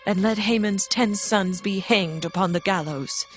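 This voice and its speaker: An actress playing a respectful yet resolute queen in a dramatized scripture production, speaking formally and with measured words. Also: mid-range voice, close to an everyday voice. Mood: deferential, resolute. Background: background music.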